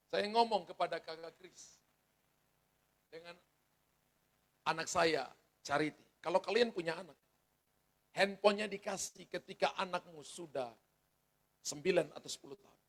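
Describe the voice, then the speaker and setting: High-voiced storytelling pastor. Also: male voice, moderate pace, pauses often. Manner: storytelling, acts out quoted dialogue. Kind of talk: sermon.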